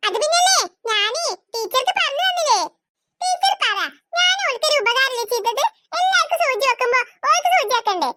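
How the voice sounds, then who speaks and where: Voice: very high-pitched, animated, a little fast, pushed and bright, no echo, clean studio sound, full character voice. A performer voicing Ikru, a cheeky, talkative schoolboy, in a cartoon. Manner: cheeky, wheedling. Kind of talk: cartoon voice acting.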